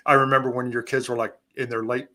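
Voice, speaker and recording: A man's voice: mid-range voice, little pitch movement, quick pace, sharp tone. A man hosting a live-stream chat, reading out viewer questions and responding conversationally. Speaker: host.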